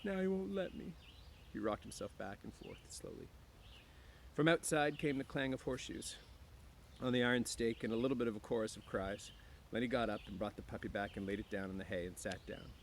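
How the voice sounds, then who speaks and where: Fairly quick and lowish in pitch, this man has the easy manner of a teacher as he reads a book aloud to students and chats with them outdoors by the woods. Throat clearing is frequent, and outdoor background noise is clearly audible.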